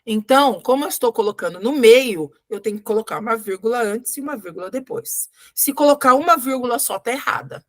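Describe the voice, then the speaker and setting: A woman's voice: on the high side, animated, brisk, few pauses, dry recording, clean studio sound. A Brazilian woman teaching a grammar lesson who goes step by step, reads example sentences aloud and often checks whether her students are following. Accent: Brazilian Portuguese. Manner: patient, explains step by step and checks understanding.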